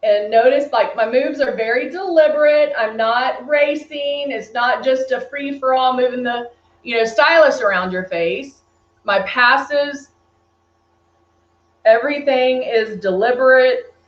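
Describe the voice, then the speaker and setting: Her voice sits high and her pace is unhurried as this Texan woman presents a live makeup tutorial for a beauty brand, reacting to viewer comments while she works. The recording is dull, lo-fi stream audio with room echo.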